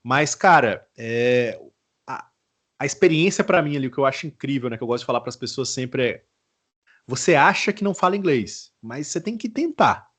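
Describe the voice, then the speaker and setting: A man with a Brazilian Portuguese accent talks as a guest in a casual podcast interview. His voice sits at a middling pitch, and he tells his story in a relaxed, slangy way. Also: moderate pace, husky. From Goiás, Brazil. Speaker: guest, mobile engineer.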